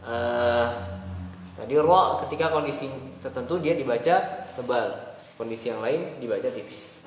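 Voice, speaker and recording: A man's voice: medium pitch, unhurried. A man teaching Quran recitation, patiently saying syllables aloud and explaining how each sound is made. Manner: patient, repeats syllables aloud for students to copy. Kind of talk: teaching pronunciation, demonstrating sounds. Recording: echoey room with faint noise.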